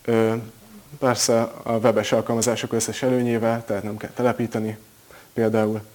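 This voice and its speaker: A man presenting a technical project at a conference, pausing often with filler sounds. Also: fairly low pitch, level tone, a little mellow. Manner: hesitant, many filler sounds.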